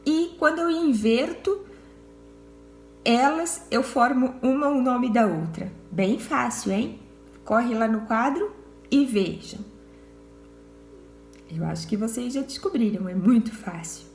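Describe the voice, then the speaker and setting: A woman's voice: a little high, expressive, slow pace, long pauses, echoey room. A Brazilian woman teacher giving word clues to children in a recorded lesson, patient and repeating herself. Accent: Brazilian Portuguese.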